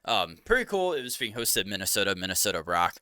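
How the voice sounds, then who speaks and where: A young man with a lowish but bright, clear voice co-hosts a casual podcast. His pitch swings a lot as he tells rambling stories, and the sound is dry and close. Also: fast, dry recording. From Cincinnati, Ohio. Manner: rambling, animated storytelling. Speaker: podcast co-host. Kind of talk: casual chat.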